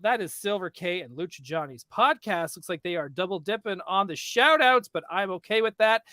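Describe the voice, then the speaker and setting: A man's voice: sits high, bright, forceful tone, smooth, no echo, studio quality. A man hosting a podcast in casual chat, upbeat and laughing often as he reads out names from the chat. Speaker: podcast host.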